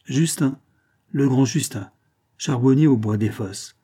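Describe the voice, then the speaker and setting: A man's voice: mid-range voice, moderate pace, warm tone, breathy edge, natural voice. Man doing a hearty young charcoal burner. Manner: hearty, frank.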